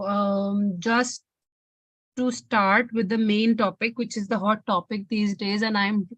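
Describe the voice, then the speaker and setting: A woman running an online meeting, talking in a casual, halting way full of fillers and restarts. Her voice sits at a middle pitch and the sound is dry and close, over a video call. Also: no echo, low-quality recording. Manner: hesitant, many fillers and restarts. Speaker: call coordinator and host.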